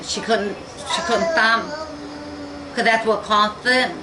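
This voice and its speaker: A woman talking in a halting, tearful way and repeating herself, near tears, in a home vlog. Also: fairly high pitch, steady tone. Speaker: vlogger. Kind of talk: emotional personal vlog. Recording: echoey room with faint noise.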